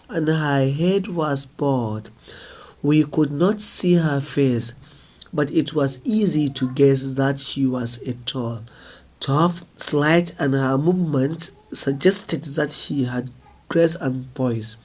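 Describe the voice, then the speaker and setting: A man reading a folk tale aloud in a measured, unhurried storytelling manner. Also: a little high, darkish tone. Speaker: narrator.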